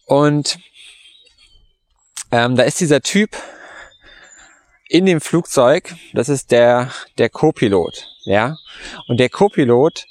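A man hosting a podcast as a meditation coach, telling a story casually and in slangy words, with lots of fillers and restarts. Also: mid-range voice. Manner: rambling, heavy on fillers and restarts; colloquial, slangy.

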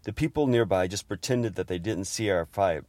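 Deep-voiced man telling family stories. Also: moderate pace, dry recording. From Houston, Texas area. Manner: fond, gently humorous storytelling. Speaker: narrator. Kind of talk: personal memoir narration.

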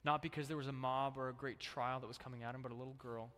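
A man preaching a sermon to a congregation. He talks in a relaxed, chatty way and jumps into animated voices when he quotes people. His voice rings out with a long hall reverb. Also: medium pitch, fast talker. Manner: casual, conversational preaching with lively acted-out quotes. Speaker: pastor.

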